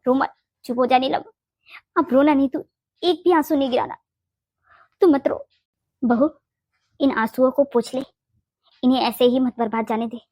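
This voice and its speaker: A woman's voice: high-pitched, steady tone, moderate pace, pauses often, darkish tone, dry recording, studio quality. A woman voicing Kalavati, a fierce, bossy mother-in-law. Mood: consoling. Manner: blunt, scolding, makes boastful vows. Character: older mother-in-law, fiercely protective, sharp-tongued, bossy. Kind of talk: Hindi cartoon voice acting.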